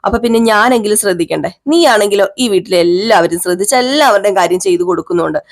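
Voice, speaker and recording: A woman's voice: mid-range voice, racing, natural voice. A woman voicing a caring young husband who coaxes his wife fondly and scolds her in mock sternness.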